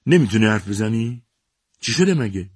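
Male narrator playing a prying scolding mother, raised higher, loud, dry close sound. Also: wildly swooping pitch, breathy edge, dry recording. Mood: demanding. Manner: sneering, accusing. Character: sharp suspicious scolding mother.

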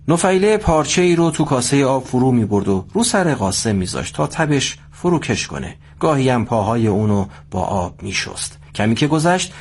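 A man narrating a scripted story at a steady pace. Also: mid-range voice, breathy edge.

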